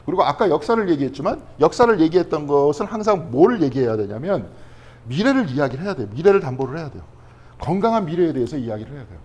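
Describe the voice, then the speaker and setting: A man's voice: fairly high pitch, a little mellow, slightly rough. A male pastor teaching a Bible study class in a conversational way. He keeps asking the class questions and then answers them himself. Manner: conversational, checking in with frequent tag questions.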